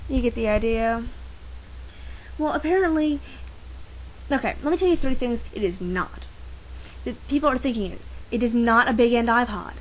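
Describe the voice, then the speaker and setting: A woman's voice: on the high side, normal speed, long pauses, a little hiss or hum, poor audio. A teenage girl talking casually to her camera, rambling and sarcastic, often stopping herself mid-sentence. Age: teens. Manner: sarcastic, rambling, self-interrupting. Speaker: vlogger. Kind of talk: casual ranting vlog.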